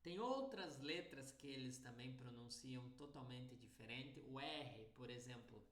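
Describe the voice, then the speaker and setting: Slow-talking Brazilian man teaching. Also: medium pitch, animated, fairly bright tone, roomy sound. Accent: Brazilian Portuguese. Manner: slow, deliberate teacher explaining pronunciation. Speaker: Portuguese teacher. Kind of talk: language lesson podcast.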